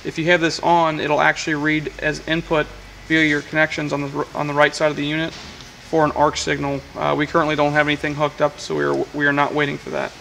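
A man with a somewhat high, gravelly voice explains a control panel step by step, matter-of-fact and flat in tone. He speaks in a workshop with faint machine-shop noise behind him, picked up by a camera mic. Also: fast, low-quality recording. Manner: plain, matter-of-fact explaining with frequent uh fillers. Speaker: welding equipment technician. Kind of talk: hands-on equipment demonstration. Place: workshop beside a welding machine.

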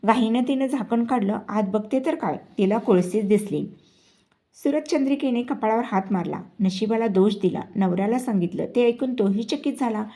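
A woman narrating a devotional folk tale in a steady, measured recitation. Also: fairly high pitch. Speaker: storyteller.

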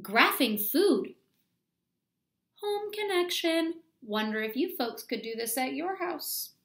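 A high-pitched woman reads to children at a slow pace, her tone fairly bright and her intonation lively. She is an elementary school teacher doing an instructional read-aloud, going through things step by step and asking questions, inside a small room at home.

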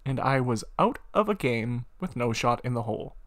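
A man's voice: medium pitch, lively intonation, normal speed. A man reading computer-written stories aloud at his desk, amused and laughing between lines. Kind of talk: casual reading with commentary.

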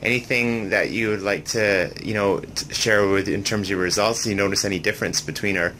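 Deep-voiced bright male interviewer. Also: fairly even intonation, brisk, slight background noise. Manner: friendly, with frequent brief acknowledgements. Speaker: clinic staff interviewer. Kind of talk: casual interview questions.

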